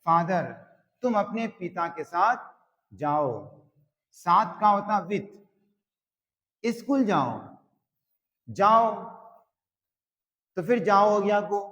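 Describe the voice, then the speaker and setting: A man teaching English grammar in a slow classroom style, repeating each phrase word by word. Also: high voice, a bit bright, big-room sound, low-quality recording. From Bihar, India.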